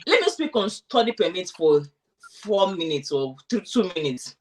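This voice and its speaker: A woman's voice: on the low side, moderate pace, distant mic. A woman being interviewed, chatting casually and animatedly about her own experience, acting out what she thought and said. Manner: animated, acts out quoted thoughts. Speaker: interviewee sharing her immigration story. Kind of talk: casual conversational storytelling.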